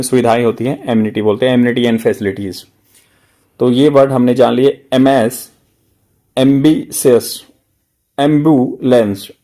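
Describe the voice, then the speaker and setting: A man's voice: medium pitch, a little mellow. Man drilling English pronunciation. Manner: slow, drawn-out word-by-word pronunciation drills; mixes Hindi explanation with English words. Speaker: English teacher. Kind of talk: newspaper vocabulary lesson.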